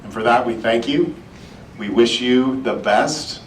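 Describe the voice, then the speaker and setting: A man's voice: mid-range voice, a little slow. A man acting as emcee at a retirement party, introducing speakers and giving his own sincere thanks. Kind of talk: speech to a crowd. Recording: echoey room from far off, clear noise.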